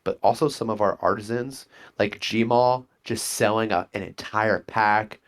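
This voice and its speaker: A man with a lowish, unhurried voice guests on a casual interview. He's a monk class player who rambles enthusiastically and acts out quotes as little exchanges.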